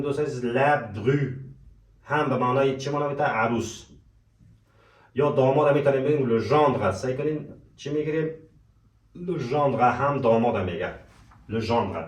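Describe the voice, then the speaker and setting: A man teaching vocabulary, repeating words slowly and calling his students dear friends, in an echoey room away from the mic. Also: medium pitch, far from the mic. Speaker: language teacher.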